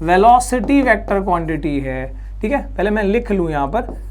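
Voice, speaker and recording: A man's voice: sits high, animated, moderate pace. A male physics teacher from India giving a classroom lecture, chatty and coaxing, asking questions and answering them himself. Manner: coaxing, reassuring students.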